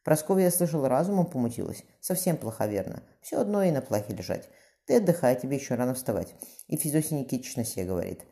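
Cruel commanding young tsar, read by a man, brisk, dark timbre. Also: medium pitch, animated, natural voice. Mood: tender.

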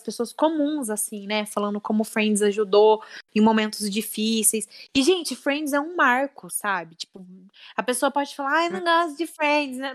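Chatty young Brazilian-Portuguese-speaking woman. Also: on the high side. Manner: chatty, emotional, lots of fillers. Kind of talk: casual chat.

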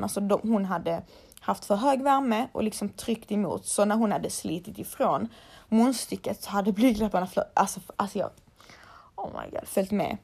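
A woman's voice: medium pitch, vocal fry, a little mellow, husky. A young woman, a laser hair removal technician, chatting casually and bluntly to her followers and swearing freely.

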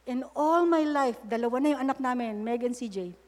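A middle-aged woman with a fairly high pitch and darkish tone preaches a little fast, her voice carrying long hall reverb. She shares candid personal stories, blending English and Tagalog, and prays aloud in the middle of sentences.

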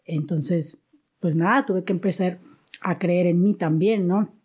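A woman's voice: fairly low pitch, a little slow, breathy edge. A woman, a podcast guest in her thirties, telling stories animatedly and acting out quoted voices. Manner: animated, acts out quoted voices, many fillers like "o sea". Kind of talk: casual interview storytelling.

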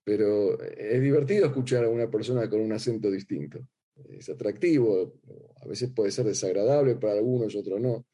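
A middle-aged rabbi with an Argentine accent gives a religious lecture in a sing-song, teacherly manner. His voice is very dark and somewhat husky. He often repeats a word or two while searching for the next phrase. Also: lowish voice, moderate pace. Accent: Argentine Spanish.

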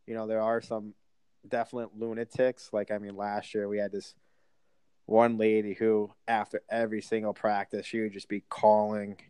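A man jokes and rambles as a podcast guest, full of "you know"s and restarts. His voice is smooth and clear. The recording is dry and close. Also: on the low side, little pitch movement, moderate pace, dark tone, no echo. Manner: rambling, many fillers, joking. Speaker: guest, youth hockey coach. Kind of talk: casual podcast interview.

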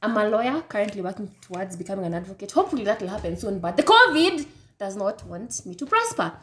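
A woman's voice: medium pitch, very animated, fast, a bit bright. A woman, co-hosting a podcast in playful, teasing casual chat. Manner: playful, teasing, laughs often. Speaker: podcast co-host.

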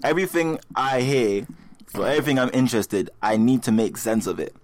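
A man's voice: medium pitch, brisk, dry recording. A young man with a London roadman accent, ranting casually in heavy street slang, repeating himself emphatically and incredulously. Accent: London multicultural slang, roadman. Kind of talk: casual comic rant, chat.

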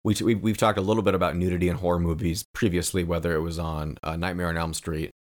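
Very deep-voiced man musing on films. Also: level tone, quick pace. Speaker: podcast co-host. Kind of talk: casual film discussion.

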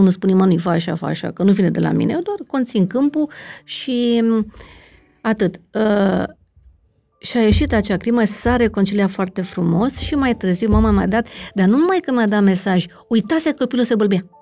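A woman's voice: mid-range voice, gravelly, dark tone. A middle-aged woman, an interview guest, explaining family constellation work in a conversational way and often checking in with "right?" and fillers.

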